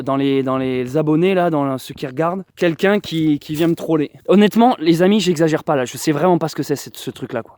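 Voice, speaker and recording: Young male survivalist vlogger, slightly high voice, outdoors on a handheld camera, rambling and full of restarts. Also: darkish tone, no echo. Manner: rambling, restarts, addresses viewers directly. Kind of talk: casual vlog to camera. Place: outdoors by his bunker and orchard.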